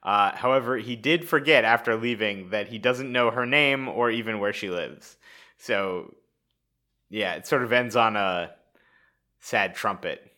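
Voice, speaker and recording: A man's voice: on the low side, a little slow, bright, forceful tone. A young man co-hosting a podcast, chatting casually with plenty of fillers and laughter. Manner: rambling, frequent fillers and laughs. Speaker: podcast co-host. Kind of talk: casual chat.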